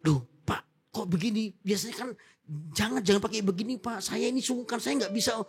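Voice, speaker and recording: A man's voice: high-pitched, fairly quick, gravelly, faint music behind, pitched above the performer's own voice. A man voicing an embarrassed wealthy middle-aged businessman, protesting in a raised, flustered voice.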